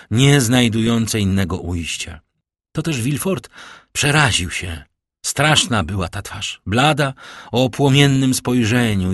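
A man narrating a classic novel as an audiobook in a measured, dramatic reading. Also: lowish voice, fairly bright tone, dry recording, studio quality.

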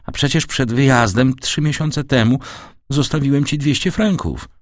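A man's voice: mid-range voice, moderate pace, no echo, studio quality, pitched above the performer's own voice, close to an everyday voice. A man voicing Edmund Dantès, an earnest young sailor. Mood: anxious. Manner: earnest and urgent.

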